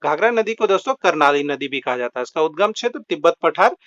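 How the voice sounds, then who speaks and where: Lively-pitched man teaching quiz tricks. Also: fast talker. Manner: repeats filler words like "dosto" and "theek hai"; explains with rhymes and mnemonic tricks. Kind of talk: exam-prep lesson. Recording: dull lo-fi recording.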